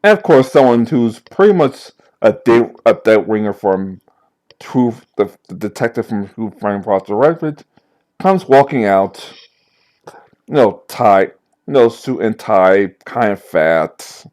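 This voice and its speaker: Man, game master, animated pitch, self-correcting narration. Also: measured pace.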